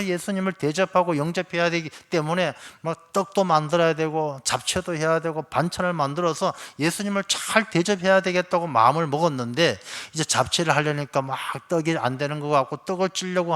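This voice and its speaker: Korean pastor preaching, slightly high voice. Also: male voice. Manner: lively storytelling with acted quotes of complainers. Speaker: senior pastor. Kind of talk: sermon.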